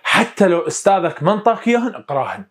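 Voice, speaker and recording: Man, Iraqi Arabic accent, somewhat high voice, casual dialect lecturing, slow careful dictation. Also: very animated, a bit bright. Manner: explains in colloquial dialect, slows right down to dictate English definitions. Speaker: university English phonetics lecturer. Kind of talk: recorded lecture.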